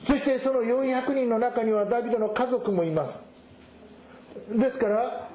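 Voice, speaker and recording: A male pastor preaching a sermon, reading scripture verses and explaining them at a measured pace. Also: high voice, a little mellow, slight background noise. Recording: roomy echo, dull sound.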